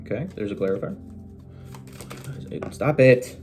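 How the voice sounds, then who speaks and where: A man's voice: mid-range voice, very animated, unhurried, darkish tone. A man giving a casual tarot reading from a desk in his bedroom. He chats to viewers in a loose, rambling way, mutters to himself and swears when the cards won't cooperate. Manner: chatty, swears when frustrated, muttering asides. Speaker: tarot reader. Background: music playing on a TV.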